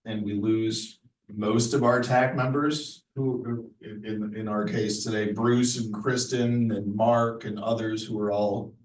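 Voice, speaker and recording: A man's voice: fairly low pitch, flat delivery, measured pace, slight background noise. A man on planning staff presenting at a meeting room table, with dry humor and hesitant restarts.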